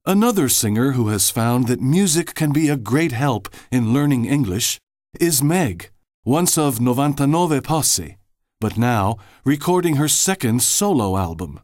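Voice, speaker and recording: A man narrating a scripted language-learning feature as the host, in a clear, lively delivery. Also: medium pitch, measured pace, no room sound, studio quality.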